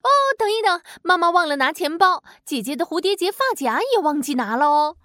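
A woman plays a careful, loving storybook mother with a very high voice. She sounds close and dry, with a gentle warning lilt. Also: expressive, brisk, dry recording. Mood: caring. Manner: gentle and warning, bright and lilting. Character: caring, cautious mother in a storybook.

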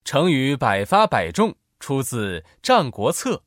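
A man narrating a children's story in an expressive, animated way. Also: medium pitch, measured pace, no room sound, clean studio sound.

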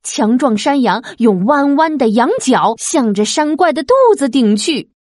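A woman reading a children's storybook aloud, expressive and lively. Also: sits high, dry recording, clean studio sound. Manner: slow, lively, expressive, sound effects.

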